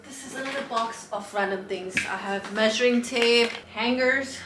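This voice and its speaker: Woman, 30s, relaxed chatty vlog talk, echoey apartment room. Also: on the high side, moderate pace, loud music behind the voice. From Nepal. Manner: relaxed, chatty, thinking aloud. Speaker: vlogger. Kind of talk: casual vlog narration. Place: apartment, indoors. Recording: roomy apartment echo.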